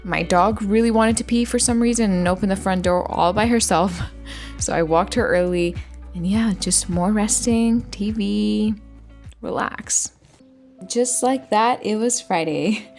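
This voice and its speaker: Over soft background music, a young woman vlogs about her days, her medium-pitched voice unhurried and a little mellow. She is chatty, informal and self-deprecating.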